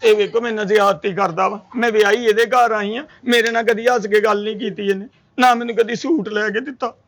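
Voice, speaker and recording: A man's voice: sits high, steady tone, fast talker, a bit bright. A man voicing a quarrelsome young wife with a Punjabi accent, nagging and pleading in a street prank. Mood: complaining. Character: quarrelsome young wife fed up with her husband. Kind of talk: street prank role-play.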